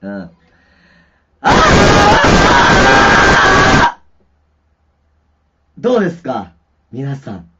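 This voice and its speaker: Checking his mic and guitar during a home livestream, a musician rambles casually and leans on plenty of fillers. His medium-pitched voice swoops wildly at a moderate pace, and the recording is very noisy, dull, lo-fi, and distorted.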